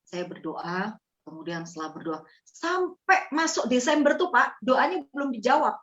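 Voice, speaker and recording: A woman's voice: on the high side, big pitch swings, normal speed, a bit bright. A woman, earnestly telling her testimony to a host. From East Java, Indonesia. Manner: earnest, addresses the host as "Pak". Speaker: guest sharing a testimony. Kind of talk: heartfelt personal testimony. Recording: slightly muffled audio.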